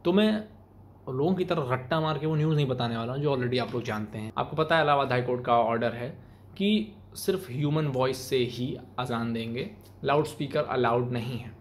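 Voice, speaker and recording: A young man with an Indian accent and a medium-pitched voice speaks fairly quickly, giving emphatic, colloquial opinions to camera as a video commentator and channel host. He sits in a small, plain room indoors, and the recording is clearly noisy.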